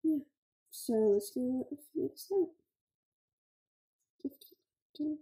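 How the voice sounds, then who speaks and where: A woman's voice: high-pitched, lively intonation, takes it slowly, dark tone, echoey room, low-quality recording. A young woman, giving chatty, scattered gameplay commentary full of "like" and "okay" as a gaming channel host.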